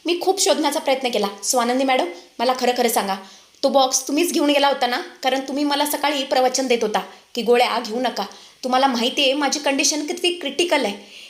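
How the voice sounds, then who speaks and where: A woman's voice: high voice, fast talker, echoey room, close to an everyday voice. Reproachful sick husband, read by a woman.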